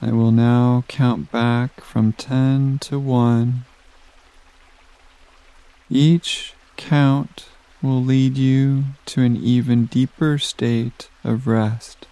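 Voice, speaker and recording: A man guiding a sleep meditation in a soft, soothing voice with long pauses, recorded close on the mic. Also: medium pitch, level tone, clear, resonant tone. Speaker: meditation guide.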